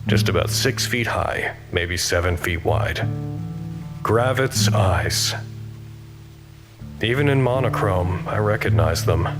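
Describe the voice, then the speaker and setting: Voicing a gentle, reflective facility worker, a male actor whose voice sits low narrates an audio drama log. He speaks in a measured, formal, introspective manner.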